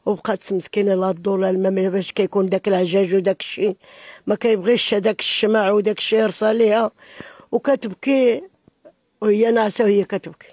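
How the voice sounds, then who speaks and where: A woman's voice: mid-range voice, fairly even intonation, fast, a little mellow, no room sound. An older woman with a Moroccan Arabic accent, pleading for help in an interview and calling on God often, recorded in an outdoor tent on a handheld mic. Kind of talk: pleading casual talk.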